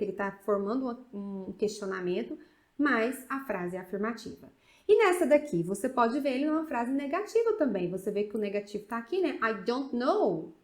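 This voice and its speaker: A woman with a Brazilian accent teaching an English video lesson, chatty, and slowing down to pronounce English examples. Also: mid-range voice, a little mellow.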